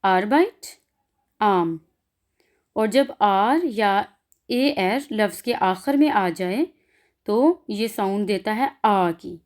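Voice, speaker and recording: A woman's voice: mid-range voice, lively intonation, slow pace, a little mellow. A woman with a Pakistani accent teaching a pronunciation lesson, saying example sounds one by one and explaining them in between. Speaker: language teacher.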